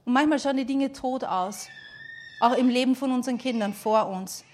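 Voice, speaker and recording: A woman's voice: fairly high pitch, moderate pace, slight background noise. Fervent woman preaching. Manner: fervent, exhorting, drops to a hush. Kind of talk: sermon.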